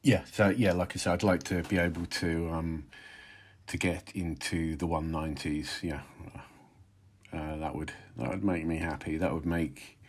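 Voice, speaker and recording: A man in his forties giving casual, halting, dryly self-deprecating commentary while cycling hard on an indoor bike, talking through the exertion. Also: low-pitched, fairly even intonation, husky. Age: 40s. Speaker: cyclist vlogger.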